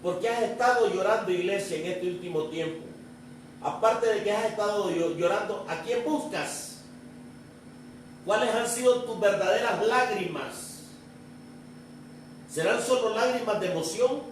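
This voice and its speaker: A male pastor with a high-pitched voice delivers a sermon, pressing the congregation with question after question. He is recorded in a very echoey church, picked up from a distance with a faint hiss underneath. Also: measured pace, long pauses. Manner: preaching with repeated rhetorical questions.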